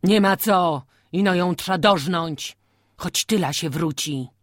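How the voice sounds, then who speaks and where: A woman reading aloud voices an old, quick-tempered village farmer who scolds in rough country dialect. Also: fairly low pitch, no room sound, clean studio sound. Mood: gruff. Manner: angry scolding peasant dialect.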